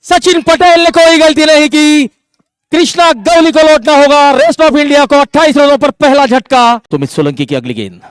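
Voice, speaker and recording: A man giving live ball-by-ball cricket commentary, with excitable, drawn-out calls on the big moments. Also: very high-pitched, no echo.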